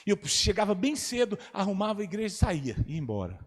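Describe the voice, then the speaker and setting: A man delivers a sermon in a church, his fairly high voice swinging from quiet asides to loud, animated exclamations. The sound carries a long hall reverb around him. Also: fast. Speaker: pastor.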